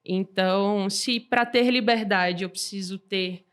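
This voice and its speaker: Woman, twenties, podcast guest, mid pitch, casual and lively. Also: measured pace, clear, resonant tone. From Salvador, Brazil. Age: 20s. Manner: lively, informal, enthusiastic storyteller. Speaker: guest entrepreneur. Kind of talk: casual interview chat.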